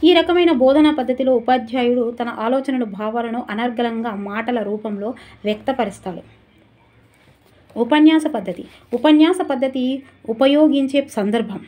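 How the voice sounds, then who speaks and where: A woman teacher giving a brisk, chatty exam revision lesson and turning aside to talk to viewers. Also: on the high side, a little mellow.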